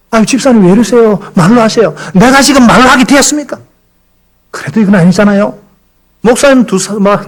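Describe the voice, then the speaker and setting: A man preaching a Sunday sermon as pastor in a church. He leads the congregation through call-and-response recitations and tells stories in an animated way, acting out the quotes. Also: on the high side, rough recording. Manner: animated storytelling with acted-out quotes. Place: church sanctuary.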